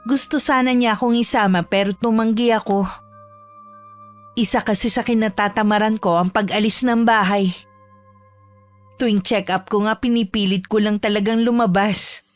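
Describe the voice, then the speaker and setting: A woman giving scripted first-person narration of a true horror story in a steady storytelling manner. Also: medium pitch.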